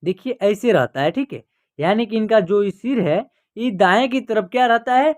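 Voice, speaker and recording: A man teaching an online reading lesson, asking himself questions, answering them, and drawing words out slowly. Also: high-pitched, lively intonation. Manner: slow, drawn-out reading of words.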